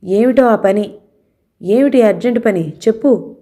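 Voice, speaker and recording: A man's voice: sits high, a little slow, dark tone. A woman reading the part of a stern older uncle who scolds and interrogates his nephew. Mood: angry.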